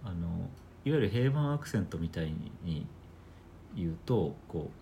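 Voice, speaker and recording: A man co-hosting a casual podcast chat, calmly explaining and sounding out word accents. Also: low voice, unhurried, creaky, slight background noise. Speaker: podcast co-host.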